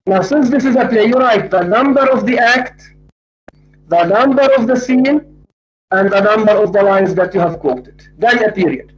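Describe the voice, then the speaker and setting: A university English lecturer, a native Arabic speaker with an Arabic accent, teaches academic writing in a didactic, emphatic style, repeating and spelling out key points. His high voice moves at normal speed, captured in dull lo-fi audio.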